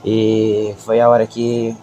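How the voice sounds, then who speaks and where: Nervous Brazilian man, low flat dark voice. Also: faint music behind. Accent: Brazilian Portuguese. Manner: halting, stammering, emotional retelling. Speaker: church member giving testimony. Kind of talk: church testimony.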